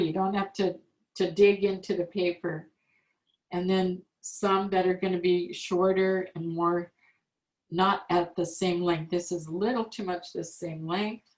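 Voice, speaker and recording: A woman teaching an online calligraphy class, patiently explaining each step as she demonstrates. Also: lowish voice. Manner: slow, patient step-by-step instruction. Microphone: video call. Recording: echoey room on a video call.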